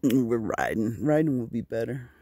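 Husky laughing man on a chairlift. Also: medium pitch, expressive, fairly quick, dark tone. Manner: laughing, teasing and reassuring. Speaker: vlogger filming the ride. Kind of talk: casual chat. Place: outdoors on a mountain chairlift.

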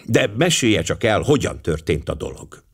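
A man's voice: lowish voice, sing-song, vocal fry, breathy edge, full character voice. Poirot, man doing a fussy detective. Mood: commanding. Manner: precise, sprinkles French phrases. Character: fussy, commanding older male detective.

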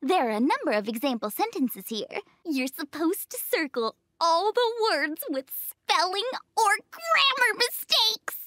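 A woman's voice: very high-pitched, very animated, measured pace, hardly any pauses, pushed and bright, dry recording, clean studio sound, full character voice. A woman voicing an earnest, prim seventh-grade girl who talks formally and turns tearful easily. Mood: explaining. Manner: formal, polite, prone to tearful outbursts.

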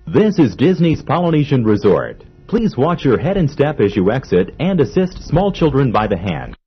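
Man, onboard train announcement, polite and formal, husky voice, very lively pitch, dull lo-fi sound. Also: moderate pace, soft background music. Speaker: transit announcer. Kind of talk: recorded monorail announcements. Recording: dull lo-fi old recording.

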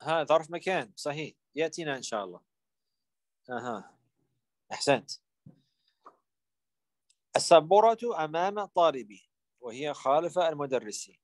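A man's voice: fairly high pitch, animated, normal speed, pauses often, no echo. A man teaching an Arabic grammar class, repeating key terms, quizzing his students and sometimes explaining in English.

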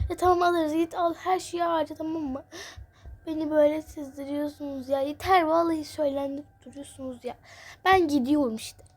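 An irritable father who grumbles and huffs about spending, as a woman puts him on. The voice stays high and quick, in a game role-play. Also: steady tone, lightly acted. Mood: huffy. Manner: grumbling, huffy.

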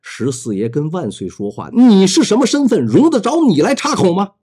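A man voicing a scholarly prince who loudly rebukes an inferior. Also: high voice, huge pitch swings, normal speed, breathy edge, pitched above the performer's own voice, exaggerated voice. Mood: rebuking. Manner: loud, rebuking. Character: scholarly male prince, suddenly harsh.

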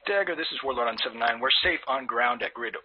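A man's voice: medium pitch, fast talker, muffled recording, slight background noise. A man making clipped military radio calls over a walkie-talkie while playing a squad game. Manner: clipped radio procedure talk.

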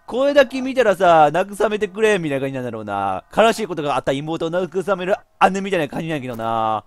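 A man playing a horror game, giving joking running commentary and breaking into sudden shouts. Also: on the high side, very animated, fast, no room sound. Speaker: VTuber game streamer.

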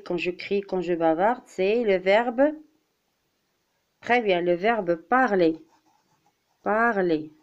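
A woman primary school teacher walks her pupils through a vocabulary exercise, speaking in a very slow, deliberate way. She repeats each word and acts out examples. Her voice sounds warm and relaxed, and the recording is a bit dull and lo-fi. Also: on the low side. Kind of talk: classroom vocabulary lesson.

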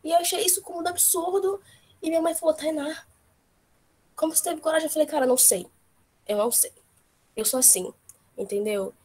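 A young woman with a cold telling a casual personal story, blunt and lively, with many fillers. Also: high voice, a little fast, pauses often. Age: young adult. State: has a cold. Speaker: workshop participant.

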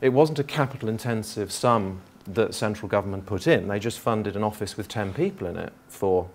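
Middle-aged male lecturer, slightly low voice, conversational conference talk in a lecture theatre. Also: animated, a little fast. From Liverpool, England. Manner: conversational, thinking aloud with restarts. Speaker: geography lecturer.

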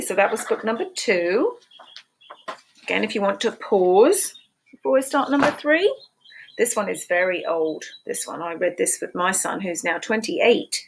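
Reading picture books aloud for preschoolers, this woman in her fifties uses a slow, sing-song storytime delivery in a mid-range voice. Her desk webcam in a small home room gives a rough recording with a little hiss or hum.

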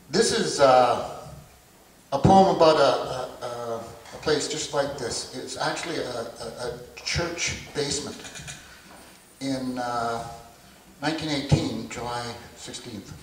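A man performing a spoken word poem at a live slam, joking wryly before a slow, rhythmic recital. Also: medium pitch, a little hiss or hum. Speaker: slam poet. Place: church basement venue. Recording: roomy live room, distant mic.

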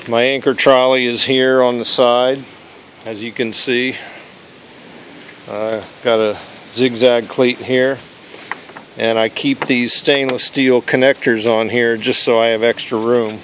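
A man's voice: medium pitch, a little hiss or hum. Plain-spoken man showing off his kayak. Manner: relaxed, plain-spoken, with frequent "uh" pauses. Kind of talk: casual show-and-tell walkthrough. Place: outdoors on a paved driveway.

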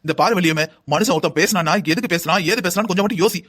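A voice actor playing a patient, stern father-in-law in a cartoon drama, reproving in a measured way. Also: sits high, fairly bright tone.

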